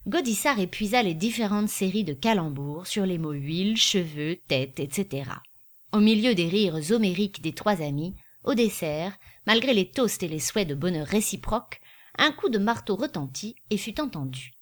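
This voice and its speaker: Brief: woman, audiobook narrator, measured literary reading. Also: mid-range voice, animated. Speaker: audiobook reader.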